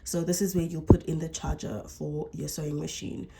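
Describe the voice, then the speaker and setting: Heavy background noise surrounds a low, creaky, flat voice moving at a moderate pace. It belongs to a young South African woman running a casual sewing tutorial, chatting and correcting herself as she explains while a flu starts to take hold.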